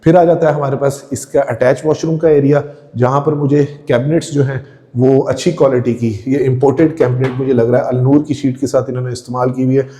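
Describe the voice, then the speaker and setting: Mellow-voiced man touring a house. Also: medium pitch, fairly even intonation, a little fast. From Pakistan. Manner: enthusiastic, addresses viewers directly, descriptive. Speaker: real estate tour host. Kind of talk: walkthrough house tour narration. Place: indoors, empty house rooms.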